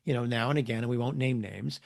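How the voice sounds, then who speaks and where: A middle-aged comics and children's book author, appearing as an interview guest, tells stories casually and animatedly, often acting out dialogue. He talks fast in a creaky, medium-pitched voice.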